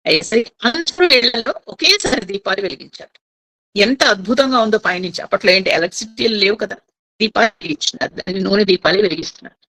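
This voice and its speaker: A woman storyteller retelling an epic tale, speaking directly to her listeners and pausing to explain. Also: medium pitch, bright, forceful tone, rough recording.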